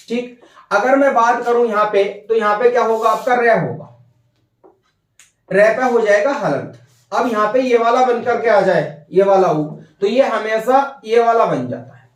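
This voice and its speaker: A man's voice: high voice, moderate pace, roomy sound, far from the mic. A man teaching a Hindi grammar lesson, repeating points and often checking that his listeners follow. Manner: repetitive, checks understanding with "ठीक है" and "भैया".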